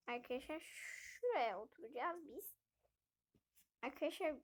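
A woman casually narrating her play of a life-sim game, chatting to her viewers as she goes. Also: high voice. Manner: chatty, keeps addressing viewers directly. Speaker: gaming video host.

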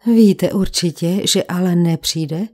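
A woman's voice: on the low side, darkish tone, lightly acted. A woman reading the lines of a nervous, frightened young hotel maid with a slight Italian accent, anxious and defensive, in an audiobook. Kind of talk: audiobook character voice.

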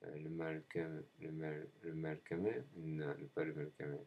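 A man in a rambling spoken monologue, halting often and repeating himself as if answering his own questions. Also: a bass voice, completely flat delivery, lo-fi sound. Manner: halting, frequent hesitations.

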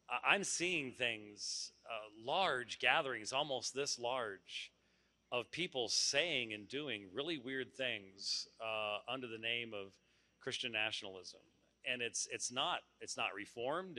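A middle-aged man answering on a conference panel with a handheld mic, measured, stopping to rephrase, with dry humor. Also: mid-range voice, sharp tone. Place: large conference hall stage.

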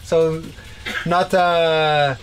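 Relaxed sailor man chatting aboard. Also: a little high, very slow, slight background noise. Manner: relaxed, rambling with fillers. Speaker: sailing vlogger. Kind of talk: casual chat. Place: inside a sailboat cabin.

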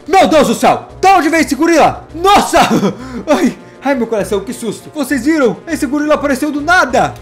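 A man hosting a game vlog, excitable and animated, talking to his viewers and cooing at in-game animals. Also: sits high. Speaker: gaming channel host.

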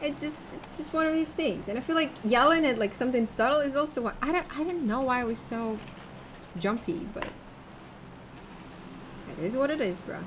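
Jumpy young woman streamer, high voice. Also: animated, fairly quick, background noise. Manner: jumpy, yells suddenly, chatty. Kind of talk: casual gaming chat.

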